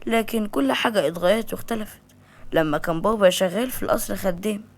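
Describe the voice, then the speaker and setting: A woman's voice: mid-range voice, fast, close to an everyday voice. A woman voicing a troubled young heroine in an Egyptian Arabic accent, with an emotional delivery. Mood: sorrowful.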